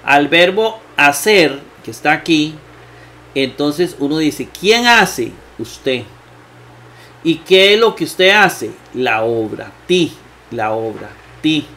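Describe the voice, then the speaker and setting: A man teaching Greek grammar in a slow lecture, thinking aloud with many fillers and asking himself rhetorical questions. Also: on the high side, fairly bright tone. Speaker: Bible exegesis teacher.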